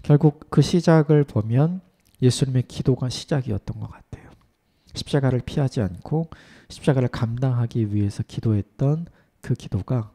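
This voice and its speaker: A man preaching an early-morning sermon in an earnest way, his voice sometimes dropping to a soft whisper. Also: medium pitch, husky. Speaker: pastor.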